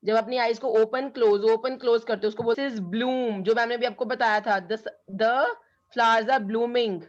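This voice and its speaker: A woman's voice: a little high, steady tone, moderate pace, lo-fi sound. A woman teacher with an Indian English accent, giving a phonics lesson to young children and switching between Hindi and English as she repeats words for them to read along. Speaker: school teacher. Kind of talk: classroom phonics lesson, slow and drawn out.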